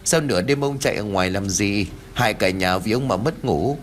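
A man's voice: on the low side, a little fast, a little hiss or hum, natural voice. A man voicing an alarmed old village wife who scolds her husband in a horror audiobook.

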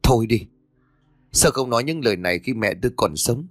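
A man's voice: mid-range voice, animated, a little fast, dry recording, studio quality, lightly acted. A man doing a bitter, wary teenage boy.

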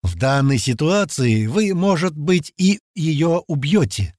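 A calm, timid heavyset man who lays out his reasoning slowly and deliberately, as a male narrator voices him. The voice sits somewhat above the narrator's own and has lively inflection. It is recorded dry and close. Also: fairly high pitch, no echo, voice pushed up. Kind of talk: audiobook character voice.

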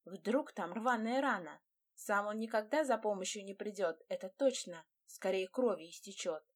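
Woman, audiobook narrator, dramatic reading, first person, mid-pitched voice. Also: moderate pace.

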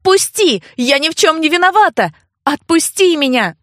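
Woman doing a hot-headed young noble girl, high and shrill, talks back hard. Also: expressive, a little slow, dry recording, studio quality. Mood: furious defiant. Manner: shrill, indignant, shouting. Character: fiery young noblewoman, defiant and hot-tempered. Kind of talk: audiobook character voice.

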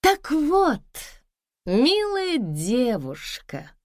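Brief: haughty, mocking wife, read by a woman; scornful, pressing, unhurried, very dry close sound. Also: high-pitched, huge pitch swings, no room sound, pitched above the performer's own voice, full character voice. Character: confident mocking wife, middle-aged woman.

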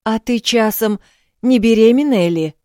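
A woman reader voicing an elderly village landlady, blunt and earthy, scolding loudly in folksy speech. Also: on the high side, unhurried, dry recording, studio quality, pitched above the performer's own voice, lightly acted. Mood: fussing.

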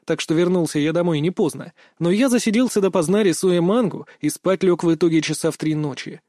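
A man's voice: on the high side, a little mellow, dry recording. A man narrating a first-person audiobook in a dry, wry, grumbling manner.

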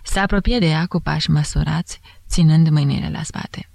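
A woman with a Romanian accent reading an audiobook in steady storytelling narration, close to the mic. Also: sits low, gravelly, no echo.

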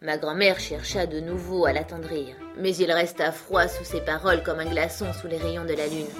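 A woman's voice: sits low, steady tone, normal speed, over music. Woman narrating a classic novel. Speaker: audiobook reader.

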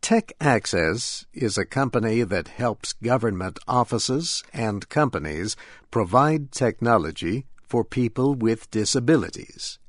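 Slow, lively-voiced male news narrator. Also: mid-range voice, no echo, studio quality. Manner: deliberate, carefully paced reading. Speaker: program narrator.

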